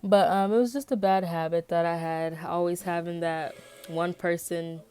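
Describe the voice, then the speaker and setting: Slightly low-voiced American woman chatting candidly. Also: steady tone, moderate pace, a little mellow, clean tone, faint music behind. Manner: colloquial, candid, rambling storytelling. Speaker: vlogger. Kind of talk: casual personal chat to camera.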